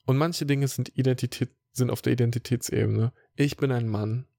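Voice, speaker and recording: A man's voice: mid-range voice, steady tone, brisk, creaky, dark tone, no room sound. A man who works as an emotion coach, talking casually and explaining ideas in a long monologue. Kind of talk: casual podcast talk.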